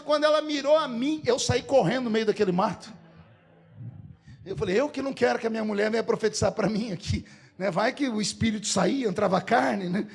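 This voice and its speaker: A man's voice: extremely high pitch, vocal fry, a bit bright. A man with a Brazilian Portuguese accent, a pastor telling a humorous story in a sermon and acting out the dialogue.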